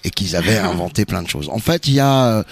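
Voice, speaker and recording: A man hosting a radio music show, explaining music history in an unhurried, knowledgeable way. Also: deep voice, expressive, creaky, slightly rough, no echo. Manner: explanatory, knowledgeable, drawn-out phrasing. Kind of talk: casual on-air music chat.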